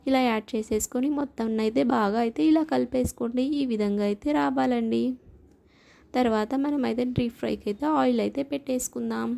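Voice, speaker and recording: A woman's voice: on the high side, vocal fry, mellow, slight background noise. A woman hosting a cooking vlog, chatting through a home recipe step by step and leaning on the same filler words over and over. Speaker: cooking channel host.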